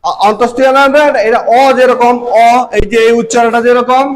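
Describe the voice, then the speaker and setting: A man's voice: extremely high pitch, steady tone, a little fast, rough recording. A man teaching a reading lesson, repeating letter sounds and checking that the students follow. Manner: repetitive, checks understanding with questions.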